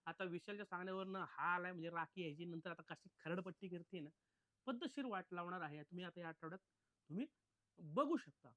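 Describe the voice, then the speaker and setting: A man with a fairly high voice, recorded close and dry, recapping a reality show in a casual, opinionated way. He talks bluntly and straight to his viewers, calling them friends as he judges each contestant. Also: a little fast, pushed and bright, dry recording.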